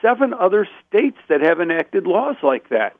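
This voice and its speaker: A man's voice: high voice, big pitch swings, normal speed, over a noisy crowd. A man calling in to a talk radio show, chatting eagerly and apologizing when he gets ahead of the host. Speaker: caller. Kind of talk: phone-in conversation. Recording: tinny phone line.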